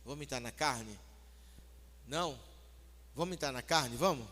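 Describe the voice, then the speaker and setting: A man's voice: medium pitch, unhurried. A Brazilian man preaching a sermon as pastor, coaxing and urging his congregation to take part. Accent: Brazilian Portuguese. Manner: exhorting the congregation, coaxing then urging loudly. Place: church hall. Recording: echoey church hall.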